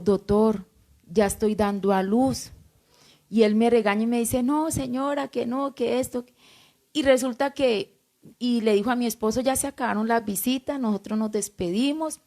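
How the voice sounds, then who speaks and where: A woman pastor from Colombia giving a church testimony, telling a story and acting out the dialogue. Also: on the high side. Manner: lively storytelling, acts out dialogue.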